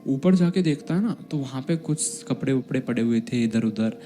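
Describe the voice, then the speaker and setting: Guy chatting through a horror story, warm dark voice, talks right to the listeners, faint music behind. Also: mid-range voice, lively intonation, moderate pace. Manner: conversational, with asides to listeners.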